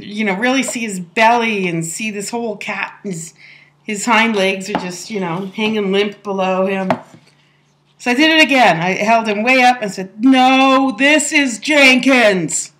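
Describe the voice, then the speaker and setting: A woman's voice: mid-range voice, a bit bright. A woman telling a funny story in a casual, chatty voice-over, laughing often as she talks. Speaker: soap maker telling a story.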